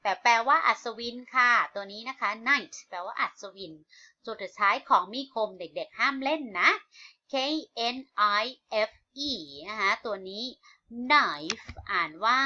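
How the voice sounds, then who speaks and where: A woman's voice: on the high side, pushed and bright. A woman teaching children an English lesson. She speaks patiently, repeats each word and spells it out letter by letter, with frequent "uh" fillers. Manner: calls students "child", fills pauses with "uh". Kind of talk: online lesson for kids. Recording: dull lo-fi recording.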